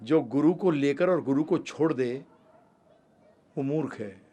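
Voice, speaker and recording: A male spiritual teacher delivering a sermon in a fairly high voice. He is animated, rising to emphatic high-pitched calls and then dropping to low, quick asides, and he addresses listeners as "prabhu ji". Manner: ends with devotional sung calls.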